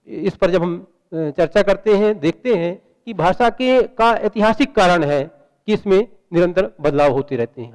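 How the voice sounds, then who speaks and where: A man lecturing to students, his voice pitched high for a man. He works through one example after another and poses rhetorical questions. A long reverb trails behind his words. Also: a little mellow. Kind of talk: university lecture on language.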